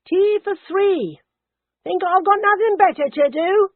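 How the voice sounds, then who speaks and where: A woman narrator voicing a rude, truculent middle-aged housekeeper who snaps and shouts her lines. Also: very high voice, normal speed, voice pushed up. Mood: snappish. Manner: snappish, shouting. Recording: dry, narrowband phone-like audio.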